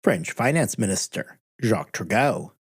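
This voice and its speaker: A man hosting a history podcast, reading a scripted narration with deliberate emphasis and a husky voice. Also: on the low side, animated.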